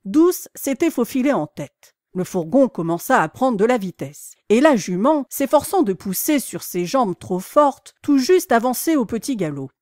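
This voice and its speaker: A woman reads a classic novel aloud as an audiobook, pacing the story with measured, dramatic storytelling. Her voice sits slightly high for a woman. The recording is dry and close, with no room sound. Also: very animated, darkish tone, no echo. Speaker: audiobook reader. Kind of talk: expressive audiobook narration.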